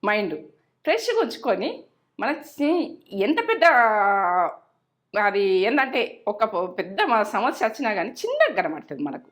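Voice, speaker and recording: A woman's voice: on the high side, huge pitch swings, moderate pace, pauses often. A middle-aged woman hosts a cooking channel, chatting and giving homely advice and repeating herself as she goes. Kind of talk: casual cooking chat with advice.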